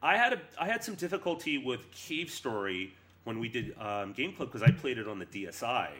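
Man, bright voice, animated pitch swings, halting rambling chat, podcast co-host. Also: a little hiss or hum. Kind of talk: casual gaming podcast chat.

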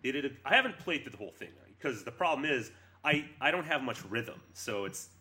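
A man co-hosting a casual gaming podcast, talking in a halting, rambling way with repeated false starts. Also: medium pitch, animated, noisy background. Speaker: podcast co-host.

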